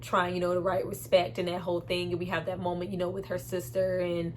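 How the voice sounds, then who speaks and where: Over a noisy background, a woman gives a casual spoken review of a film in a lowish voice, fairly quick and completely flat in delivery. She is candid and opinionated, conversational, and emphatic, with slangy swearing.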